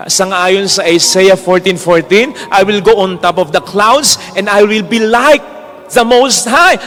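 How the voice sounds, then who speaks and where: A man, a priest preaching a sermon in an animated way, often jumping into quoted voices and mixing in English. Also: sits high, big-room sound.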